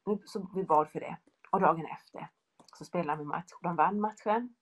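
A woman's voice: lowish voice, slightly rough. Fervent middle-aged woman giving a devotional. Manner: earnest, repetitive, builds in lists.

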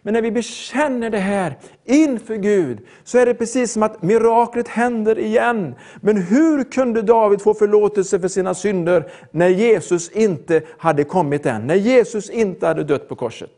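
An older man preaching a sermon in an earnest, emphatic way, mixing slow solemn points with quicker storytelling. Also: sits high, mellow.

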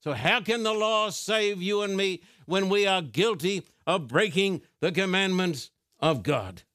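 A man preaching a televised sermon from a studio, reading scripture slowly and deliberately and speaking directly to his viewers. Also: high voice, expressive, a bit bright, dry recording. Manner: slow, deliberate, emphatic, addresses viewers directly.

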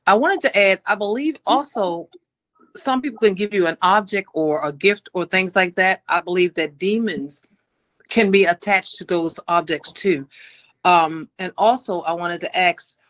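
A woman's voice: mid-range voice, a little slow, poor audio. Hesitant woman caller. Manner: hesitant, many fillers. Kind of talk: asking a question on a call-in show.

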